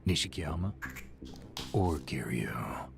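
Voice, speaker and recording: An actor voicing a stern, proud middle-aged yakuza captain in a video game, in a measured, commanding, gravelly action-hero snake voice. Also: male voice, extremely low pitch, lively intonation, heavily acted. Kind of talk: dramatic video game voice acting. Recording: game audio with music underneath.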